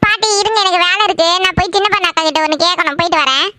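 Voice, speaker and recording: A woman voices a cheeky teenage girl, whiny and quick to answer back. The voice is very high and bright, a typical cartoon kid sister. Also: dry recording. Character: cheeky teenage girl, bickering younger daughter. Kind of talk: cartoon voice acting.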